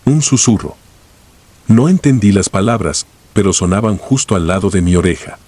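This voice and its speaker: A man narrates a scripted first-person horror tale. His voice sits very low and has a husky, rough-edged grain. He tells the story in a slow, grave way. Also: lively intonation, a little mellow.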